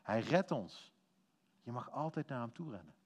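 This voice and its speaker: A man giving a lively, informal sermon, telling a story with acted-out quotes and quick self-corrections. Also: medium pitch, breathy edge. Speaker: preacher.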